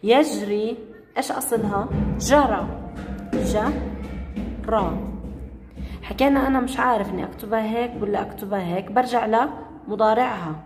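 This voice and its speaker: A woman teacher, quizzing pupils by name and repeating grammar rules slowly. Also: a little high, roomy sound, long reverb tail, music in the background. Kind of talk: classroom grammar lesson. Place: classroom.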